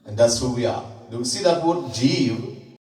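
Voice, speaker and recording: A man giving a spiritual discourse at a home gathering, teaching slowly and chanting Sanskrit verses. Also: mid-range voice, animated, darkish tone. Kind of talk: home satsang sermon. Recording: echoey room, mic at a distance.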